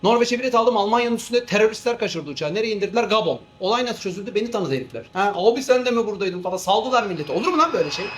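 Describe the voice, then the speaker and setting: A fed-up airline captain, played by a man, rattles off his complaints at a quick clip in a fairly high voice. He swings between swearing rants and mock-formal cabin announcements, with a faint rumble underneath. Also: animated. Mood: ranting. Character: exasperated male airline captain, always flown to Africa. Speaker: comedian doing a character. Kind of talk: comic monologue sketch.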